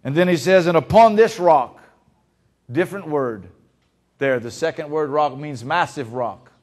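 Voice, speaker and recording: A male pastor preaching a sermon, swinging between hushed, intimate lines and loud, emphatic ones. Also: fairly high pitch, a little slow. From Louisiana.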